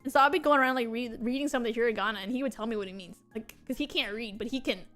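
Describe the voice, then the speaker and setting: A young woman with a notably high voice, chatting on stream in a loose, rambling way and giggling often. Soft music plays faintly behind her. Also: very fast. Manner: rambling and giggly, with frequent laughs and filler words. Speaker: VTuber streamer. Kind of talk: casual chat stream, storytelling.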